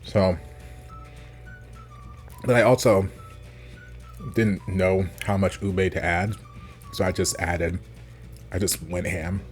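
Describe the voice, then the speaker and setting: A man with a low voice and an American accent talks casually to his viewers like a food vlogger. He rambles informally, thinking out loud as he goes, with light music underneath. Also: little pitch movement, takes it slowly, long pauses. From United States. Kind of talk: casual rambling chat to camera.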